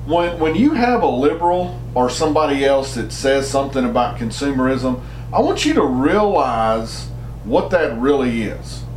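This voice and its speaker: A man's voice: mid-range voice, sing-song, normal speed, darkish tone, reverberant, a little hiss or hum. A man from the United States giving an argumentative opinion monologue, emphatic and often restarting his words. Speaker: commentator.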